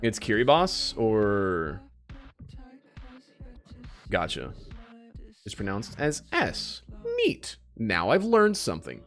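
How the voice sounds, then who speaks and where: Streamer, late twenties, lively up-and-down voice, rambling self-mocking banter, faint music under it. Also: male voice, on the low side, slow, long pauses. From United States. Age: late 20s. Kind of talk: casual chat while gaming.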